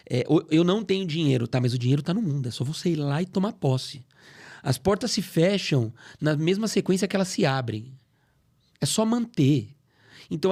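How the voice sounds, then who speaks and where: Man, somewhat high voice, animated explainer, podcast studio guest. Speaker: guest, acoustics company CEO. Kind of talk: casual podcast interview.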